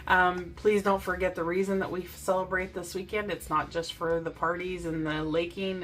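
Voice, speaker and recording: A middle-aged woman hosting a casual DIY crafting vlog from a home craft room, gushing and excited as she talks to her viewers. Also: lowish voice. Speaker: crafting channel host.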